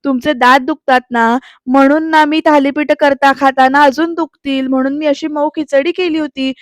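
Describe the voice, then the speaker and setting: A woman voicing the gentle schoolteacher heroine of a TV serial, speaking calmly and patiently. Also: sits high, normal speed, dry recording, clean studio sound, lightly acted. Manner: calm, soothing, patient.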